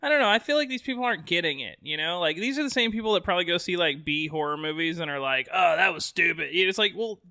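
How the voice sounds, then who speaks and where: A young man co-hosting a podcast in animated, casual chat that is full of swearing. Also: high voice, quick pace, few pauses, clear, resonant tone, no echo, clean studio sound. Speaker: podcast co-host.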